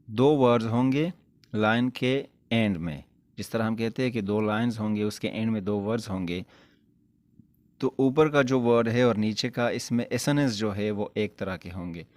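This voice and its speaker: Speaking on the low side with no echo, an English lecturer walks through his explanation step by step in a blend of Urdu-Hindi and English. He frequently restates his points and corrects himself partway through words.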